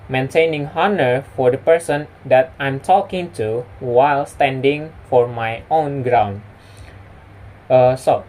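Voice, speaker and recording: A young adult man speaks English with an Indonesian accent, as a native speaker of Indonesian and Minang. His voice sits at a middle pitch. He delivers a prepared personal talk in the way of a student presenting to camera. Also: darkish tone, poor audio. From West Sumatra, Indonesia.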